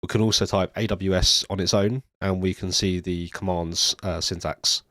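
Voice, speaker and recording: This is a low-pitched male presenter, sick and stuffy-nosed, guiding viewers through a screen-recorded programming tutorial. He talks at an ordinary speed, explains each step steadily with some ums, and the studio USB recording is free of room sound.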